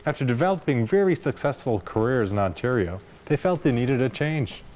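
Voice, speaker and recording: A man reads a scripted preview of the next episode as show host in a friendly, even announcing tone. His voice sits at a middling pitch. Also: brisk. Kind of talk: scripted narration.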